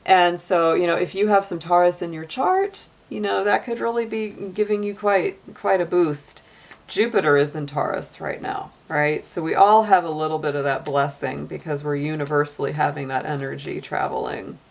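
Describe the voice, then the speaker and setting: A woman's voice: sits low, moderate pace, gravelly. Chatty woman giving a tarot reading. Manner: chatty, laughs often, many "you know" and "like" fillers. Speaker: tarot reader. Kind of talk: casual monthly tarot reading.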